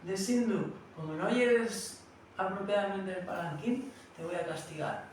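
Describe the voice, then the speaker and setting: A man's voice: high-pitched, measured pace, a little hiss or hum. Man voicing a haughty, sarcastic king. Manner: sarcastic and threatening. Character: proud, haughty ancient king, male. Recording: very echoey room, distant mic.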